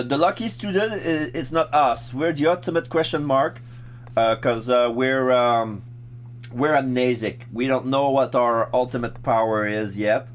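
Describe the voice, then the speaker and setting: A man's voice: medium pitch, slight background noise. A man giving casual, hesitant video game commentary, often groping for words as he explains characters. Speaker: game streamer.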